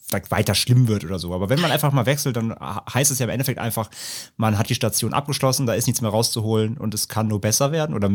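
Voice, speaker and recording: Fast-talking German man, playful rambler. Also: lowish voice. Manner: rambling, playful, sarcastic storytelling. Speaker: podcast co-host. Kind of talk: casual chat.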